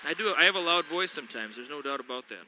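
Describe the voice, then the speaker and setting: A man calls a local school basketball game from the gym, giving chatty, joking play-by-play. His voice is a little high, very fast, and sharp with lively intonation. A slight hiss or hum sits under gym ambience and a bouncing ball.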